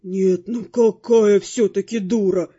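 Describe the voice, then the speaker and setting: A woman's voice: medium pitch, fairly even intonation, takes it slowly, dark tone, slightly rough, voice pushed down. A woman doing a grumpy scaly ghost creature. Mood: scornful. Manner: growling, hissing insults, then stiffly polite. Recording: dull lo-fi with faint music.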